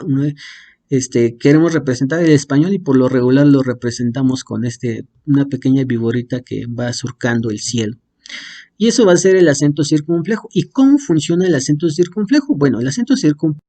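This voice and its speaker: Male teacher; warm, mellow tone, fairly high pitch; hesitant, filler-heavy delivery with everyday comparisons. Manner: hesitant, many fillers and restarts; uses homely comparisons. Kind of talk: explaining Greek accents to a class.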